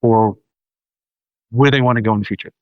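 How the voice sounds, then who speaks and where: A man's voice: mid-range voice, steady tone, a little fast, clean tone, no room sound, lo-fi sound. New man, dry close sound. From New Zealand. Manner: loose, searching delivery with many ums. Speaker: documentary filmmaker and guest. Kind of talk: casual interview conversation.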